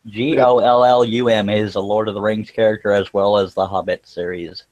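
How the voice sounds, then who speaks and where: A man with a fairly low voice hosts a live craft stream. He talks casually while he works, in a folksy, joking way. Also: level tone, moderate pace, darkish tone. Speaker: livestream host, scroll saw craftsman.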